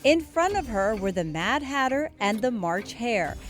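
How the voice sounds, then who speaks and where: A woman news anchor narrating a children's story aloud in an expressive read-aloud manner. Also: fairly high pitch, measured pace.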